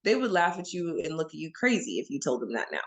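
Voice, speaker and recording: Quick-paced and low-voiced, this Oklahoma woman swings widely in pitch as she gives frank, emphatic answers as an interview guest. She talks directly to listeners, addressing them as y'all.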